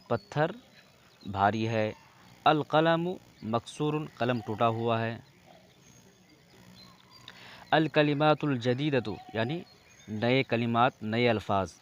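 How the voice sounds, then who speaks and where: A man's voice: mid-range voice, takes it slowly, long pauses, dull audio, a little hiss or hum. A man teaching an Arabic lesson in Urdu, reading Arabic words aloud one at a time and then explaining what each one means.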